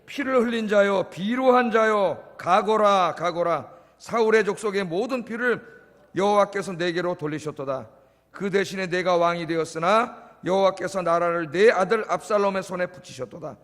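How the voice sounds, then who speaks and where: Guy preaching as a spiteful man yelling curses, high voice, echoey church hall. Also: moderate pace. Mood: cursing. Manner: loud, declaiming scripture curses. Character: spiteful man hurling curses at a fleeing king.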